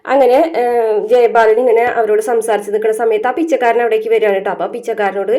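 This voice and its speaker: A woman rattles through a serial episode recap at a quick clip, her slightly high voice warm and mellow. She strings events together with constant filler sounds and little tag words, never pausing long. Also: steady tone. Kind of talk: casual spoken episode recap.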